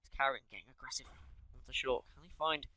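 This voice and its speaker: A man with a West Country English accent giving fast play-by-play esports commentary with jokey asides. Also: medium pitch, pushed and bright, rough recording.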